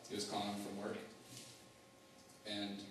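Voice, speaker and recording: A young man giving a personal testimony as a student, halting, with many fillers and restarts. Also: fairly low pitch, monotone, fairly bright tone, a little hiss or hum. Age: young adult. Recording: echoey hall, mic far off, faint ambience.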